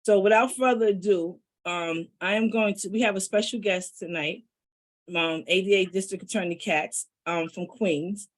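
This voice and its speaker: A woman's voice: medium pitch, normal speed, rough recording. A woman hosting an online meeting reads a prepared introduction of the guest speaker, with a few "um" fillers at the start. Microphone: video call.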